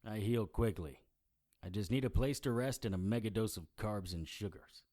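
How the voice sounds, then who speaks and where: An actor playing a wry, deadpan supernatural private eye who narrates his own audio drama in a hardboiled style. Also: on the low side, normal speed, lightly acted. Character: dry-witted male private investigator narrator. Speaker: narrator and lead character.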